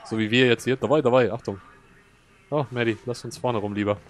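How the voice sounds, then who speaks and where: A man's voice: medium pitch, steady tone, a little fast. Jokey young man, casual gaming commentary. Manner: jokey, colloquial. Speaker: Let's Play host. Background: video game ambience.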